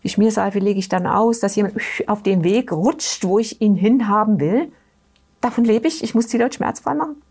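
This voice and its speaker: A woman's voice: medium pitch, moderate pace, a little mellow, breathy edge. A middle-aged woman, a therapy practitioner, explaining her ideas through stories in an interview. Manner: explains with anecdotes, asks listener questions. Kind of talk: conversational storytelling in an interview.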